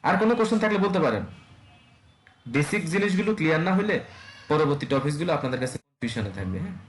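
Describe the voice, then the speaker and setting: A man gives an online web design lesson at a brisk clip. He talks casually and keeps checking that his students follow. His voice sits in an echoey room with a faint hum of ambience behind it. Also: on the high side, very animated. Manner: casual, rapid, full of fillers and checks on students. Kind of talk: online class lecture.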